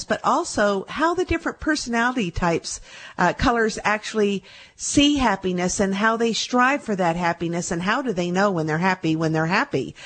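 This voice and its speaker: A chatty middle-aged woman with a medium-pitched voice delivers a casual radio monologue. She's a radio show host and medical intuitive who is recovering from laryngitis, and she tends to repeat herself with filler words.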